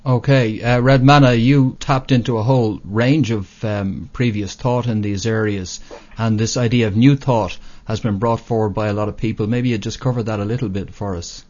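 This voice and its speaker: A man moderating a panel discussion, inviting each speaker in turn with measured prompts. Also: on the low side, steady tone, a little mellow. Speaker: discussion host. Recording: dull lo-fi audio.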